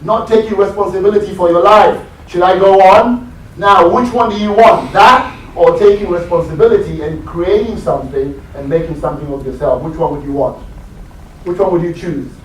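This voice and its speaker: A man's voice: high voice, normal speed, slight background noise. A man giving a live motivational talk, telling stories and prompting his audience with questions. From United Kingdom. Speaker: motivational speaker. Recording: echoey hall, voice from far off.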